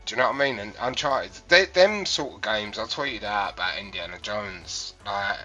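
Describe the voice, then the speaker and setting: Tinny tin-can mic man, bright and rambling. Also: on the low side, lively intonation, normal speed, faint music behind. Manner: rambling, restarts sentences, many fillers. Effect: tinny cheap mic, like talking into a tin can, over a voice call. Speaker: livestream guest caller. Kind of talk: casual chat about video games.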